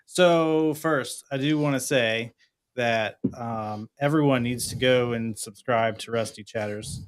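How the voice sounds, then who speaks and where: A man's voice: medium pitch, slow, smooth. Enthusiastic man, rambling co-host. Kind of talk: casual chat on a livestream.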